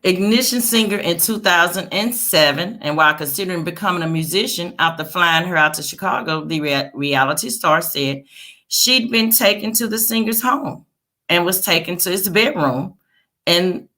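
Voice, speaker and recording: A woman with a low-pitched voice hosts a celebrity news livestream. She talks casually and directly to her audience, often checking in with them as she goes through the story. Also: moderate pace, bright, forceful tone. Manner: chatty, addresses viewers as "y'all" and "you guys" with frequent "okay?" tags. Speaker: host of a celebrity gossip livestream.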